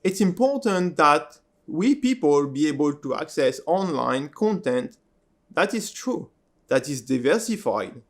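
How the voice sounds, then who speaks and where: A man's voice: a little high, very animated, measured pace. A male host whose first language is French, earnestly explaining his point to viewers and often asking "right?". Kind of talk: video introduction and interview.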